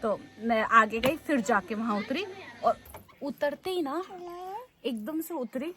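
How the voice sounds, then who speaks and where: A young woman with a fairly high voice chats to camera as a travel vlogger. She retells her story in a lively, casual way and fills it with little filler words. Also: slow pace, soft background music. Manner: chatty, animated retelling full of fillers.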